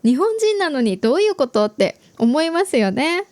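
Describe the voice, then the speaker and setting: A young adult Japanese woman hosting an easy-Japanese learning podcast, explaining gently and chatting with listeners. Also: sits high, sing-song, normal speed, no room sound. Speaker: podcast host teaching Japanese.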